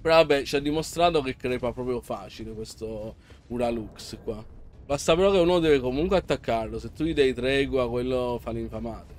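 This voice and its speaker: A man hosting a let's play, commenting excitably and yelling and pleading at the boss. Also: medium pitch, a little fast. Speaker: gameplay channel host.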